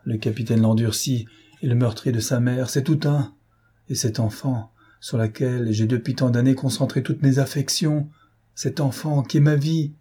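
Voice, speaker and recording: A man's voice: mid-range voice, dark tone, breathy edge, close to an everyday voice. A man voicing a grief-stricken middle-aged father, speaking in anguish. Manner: anguished, pleading.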